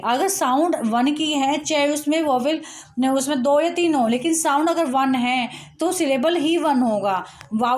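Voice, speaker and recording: A young woman teacher explaining a lesson patiently, repeating and rephrasing each point and mixing Hindi with English terms. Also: high voice.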